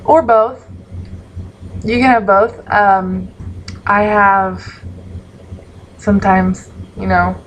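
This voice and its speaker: A woman's voice: mid-range voice, steady tone, drawn-out words, pauses often, slight background noise, rough recording. A young woman vlogging in a casual, rambling way, full of ums and likes, sounding sleepy. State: sleepy, yawning. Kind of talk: casual chat to camera.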